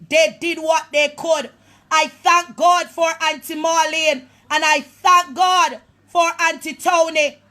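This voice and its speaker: A prophetess and apostle gives a fervent personal testimony to an online audience in a very high voice. She often raises it nearly to a shout and calls her listeners people of God.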